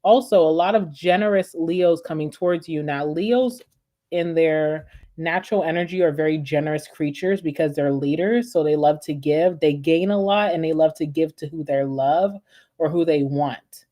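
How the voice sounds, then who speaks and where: Warm, low-voiced woman, chatty tarot reader talking to viewers. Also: normal speed. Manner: chatty, addresses viewers as guys and y'all. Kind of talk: casual tarot reading to viewers.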